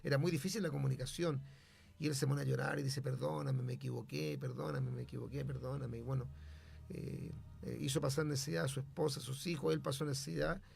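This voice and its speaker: Gravelly-voiced pastor telling a story. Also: male voice, on the high side, steady tone, fast, darkish tone. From Chile. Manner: storytelling, emphatic, preacherly. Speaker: pastor and radio host. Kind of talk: sermon-like testimony on radio.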